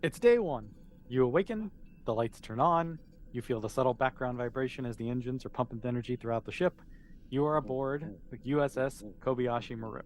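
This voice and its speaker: A man with a mid-range voice talks a little fast over slight background noise. He's game mastering a tabletop role-playing game, narrating and explaining in a casual, informal way.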